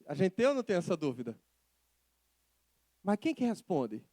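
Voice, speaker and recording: A man with a Brazilian Portuguese accent preaches a sermon, his voice pitched high for a man. He talks in an animated, conversational way and keeps turning to the congregation with questions. The sound is dry and close, with little room echo. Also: moderate pace. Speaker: pastor.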